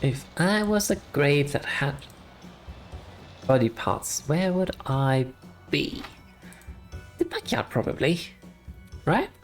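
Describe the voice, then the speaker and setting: A woman's voice: sits low, lively intonation, slow, pauses often. A woman streamer narrating a game playthrough live, making chatty, wry asides. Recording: live stream with faint music.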